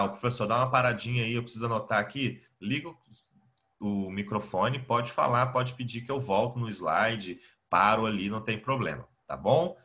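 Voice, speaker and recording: A man's voice: on the low side, bright, forceful tone. A Brazilian man teaching an English class over a video call, explaining patiently step by step with many fillers. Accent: Brazilian Portuguese. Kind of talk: online class lecture. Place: home, remote video class. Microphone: computer mic on a video call.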